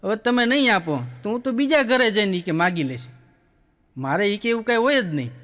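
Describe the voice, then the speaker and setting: A Kathiawadi Gujarati comedian tells his jokes in a folksy storytelling way, acting out each person in his stories. His voice sits high for a man. A long hall reverb trails after his words. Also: expressive, brisk, fairly bright tone. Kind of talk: stand-up joke telling.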